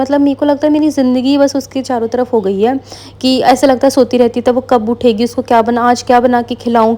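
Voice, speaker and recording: A young woman talks casually to her viewers, mixing into her the way vloggers do. Her voice sits a little high but sounds soft and mellow rather than bright. She rambles comfortably through everyday stories. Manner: chatty, Hindi mixed with English words. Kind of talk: casual chat.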